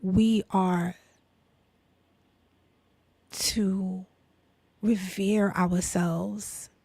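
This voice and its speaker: With a steady, creaky mid-range voice and drawn-out words, a Brooklyn-accented faith and lifestyle speaker gives a casual inspirational talk in a dry recording. She asks rhetorical questions, checks in with "right?" and "you know," and sometimes slips into a soft near-whisper.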